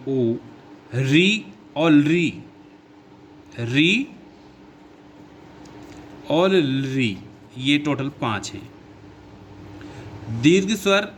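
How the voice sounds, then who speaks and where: A man teaching a lesson at an unhurried pace. He repeats key points and poses questions that he then answers himself. His voice sits at a middle pitch, with faint background noise on the recording. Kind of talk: classroom lesson explaining grammar.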